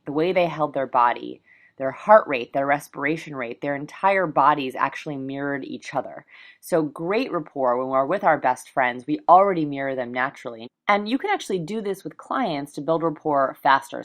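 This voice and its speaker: Fast-talking woman with a low voice. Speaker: life coaching course instructor. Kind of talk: recorded course lecture.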